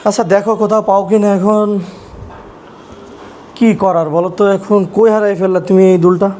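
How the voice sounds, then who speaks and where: Fast, teasing man vlogging. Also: sits high, steady tone, darkish tone, a little hiss or hum. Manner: teasing, quick, asides to viewers. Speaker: vlogger pranking his wife. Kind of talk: casual vlog, talking to camera and wife. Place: home, rooms and rooftop.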